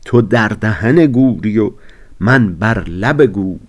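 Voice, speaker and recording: A man who edits a poetry edition, lecturing on classical verse. He recites lines slowly, then explains them in a casual way. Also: lowish voice, lively intonation. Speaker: literature scholar and editor of a poetry edition.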